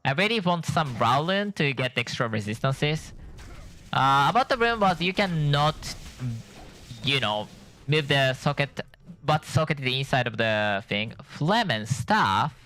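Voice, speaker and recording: A tired gameplay streamer, short on sleep, rambles through casual commentary, thinking aloud and correcting himself as he goes. His mid-range voice is animated and a little slow, with a sharp tone.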